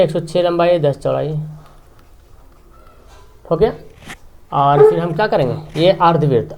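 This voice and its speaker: A man with a somewhat high voice walks through a maths problem step by step as he writes. He speaks in plain teaching tones and keeps checking in with short tag questions, pausing and restarting between steps. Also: darkish tone. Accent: Hindi regional, Bihar. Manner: talking while writing, frequent tag questions. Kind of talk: explaining maths at a board.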